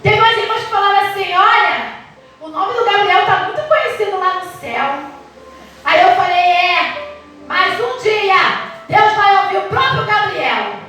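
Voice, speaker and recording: A woman's voice: extremely high pitch, lively intonation, unhurried, bright, forceful tone, faint music behind. A middle-aged woman pastor with a Brazilian Portuguese accent, preaching a sermon passionately and emphatically, stretching and half-singing her phrases. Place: large church hall. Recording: echoey church hall, mic at a distance.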